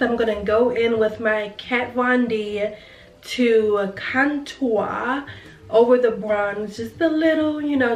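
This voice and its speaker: A young woman chatting to viewers while doing her makeup, heartfelt and casual, calling them girl and y'all. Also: fairly high pitch. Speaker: beauty vlogger. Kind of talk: casual get-ready-with-me chat. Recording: roomy sound from a distance with faint music.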